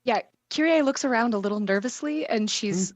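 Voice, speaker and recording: A woman's voice: a little high, animated, fairly quick, no room sound. A woman playing a tabletop game, chatting and describing what her character does. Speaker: player. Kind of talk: casual play at a tabletop game.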